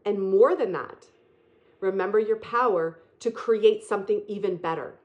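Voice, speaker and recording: A woman giving an earnest spiritual talk, repeating phrases and slowing down to stress key words. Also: mid-range voice, muffled recording. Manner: earnest, repetitive, emphatic and slow on key phrases. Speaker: spiritual speaker.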